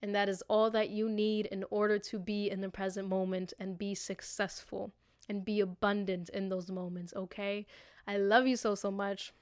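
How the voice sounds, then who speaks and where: With a mid-range voice and a flat delivery at moderate pace, this woman sounds smooth in clean studio audio with no room sound. Her podcast is a casual, motivational self-reflection monologue delivered affectionately to listeners, laced with slang and free swearing.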